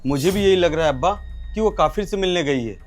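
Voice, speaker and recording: An actor playing a hotheaded loyal son who speaks with eager, threatening resolve. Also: male voice, a little high, animated, a little fast, soft background music, close to an everyday voice. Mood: determined. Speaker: actor in a short drama. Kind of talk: Hindi short-film acting.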